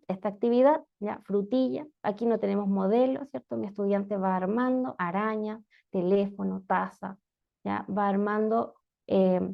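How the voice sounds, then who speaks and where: This special education instructor has a creaky, medium-pitched voice. She teaches reading methods in an online lecture, breaking things down step by step and frequently asking "¿ya?", all in muffled lo-fi sound.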